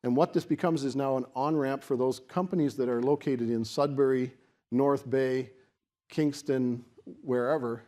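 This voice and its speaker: A man giving a semi-extemporaneous podium speech as a keynote speaker, explaining in a halting way with repeated restarts. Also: medium pitch, mellow. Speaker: keynote speaker for a technology organisation.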